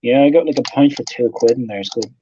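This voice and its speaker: A man's voice: mid-range voice, quick pace, dark tone, muffled recording, slight background noise. A man in casual stream chat who swears constantly, jokes and laughs a lot. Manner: profane, joking, laughs often.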